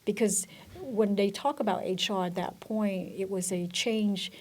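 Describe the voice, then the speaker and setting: A woman's voice: mid-range voice, unhurried, a little mellow. A middle-aged woman from Vietnam, a guest in a business interview, speaking thoughtfully with frequent fillers and restarts. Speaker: guest, benefits director. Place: corporate office.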